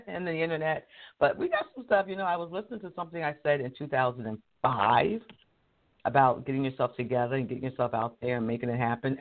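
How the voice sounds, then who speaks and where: Hoarse man, casual live host, chatty with frequent laughs, tinny phone-line sound. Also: mid-range voice. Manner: chatty, laughs often, restarts sentences. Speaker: career coach and show host. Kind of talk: casual live-stream talk.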